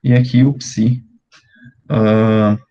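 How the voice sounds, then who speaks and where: A young Brazilian man working through an exercise for students, slowly and step by step, checking in with the class often. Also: lowish voice, steady tone, mellow, dull audio, slight background noise. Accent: Brazilian Portuguese. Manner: slow, step-by-step, with many fillers and check-ins. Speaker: teaching assistant. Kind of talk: explaining exercises at a board.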